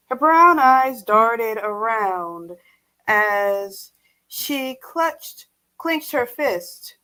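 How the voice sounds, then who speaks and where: Woman author reading her own story on a video call, high voice, slow, chatty in between. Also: a bit bright. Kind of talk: live story reading at an online event.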